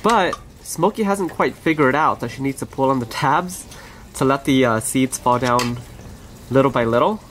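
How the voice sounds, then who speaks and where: A pet bird owner and channel host gently narrating pet footage in a casual, conversational way, recorded on the camera mic in an outdoor aviary. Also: mid-range voice, expressive, normal speed, a little hiss or hum.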